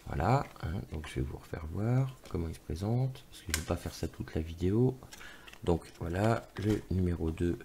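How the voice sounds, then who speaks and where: A man's voice: low voice, moderate pace, creaky, warm tone, a little hiss or hum. A man casually reviewing products on his vlog, talking loosely with many fillers and some crude asides, recorded on his camera's mic while he handles the items. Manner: rambling, full of "euh" and "voilà" fillers; informal, mildly crude asides.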